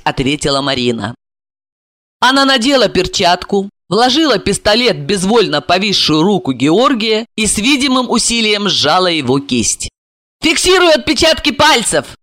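Expressive audiobook narrator with a dry sound. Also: medium pitch, no echo. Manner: expressive storytelling reading. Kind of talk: scripted narration.

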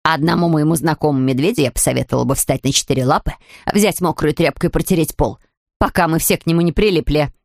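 A woman reading a storybook aloud and voicing a brisk, stern middle-aged housekeeper who grumbles in a firm, no-nonsense way. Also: low-pitched, vocal fry, a little mellow, no echo, studio quality.

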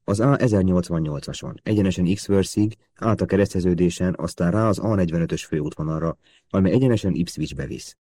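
A man's voice: low voice, dark tone. A man reading the lines of a helpful male patrol policeman giving plain directions. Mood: matter-of-fact. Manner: plain, matter-of-fact directions.

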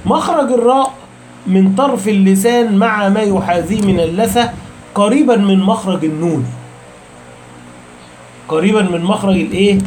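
High-voiced Egyptian man teaching patiently. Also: darkish tone, a little hiss or hum. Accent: Egyptian Arabic. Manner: asks rhetorical questions and answers them himself; slows down to stress key terms. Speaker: Quran recitation teacher. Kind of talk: explanatory lecture.

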